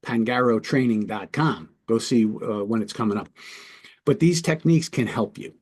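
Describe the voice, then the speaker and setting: A man's voice: medium pitch, moderate pace, a little mellow, breathy edge. A man, a police lieutenant and trainer, teaching through a story in a conversational way, often checking in with his listeners. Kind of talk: instructional storytelling talk.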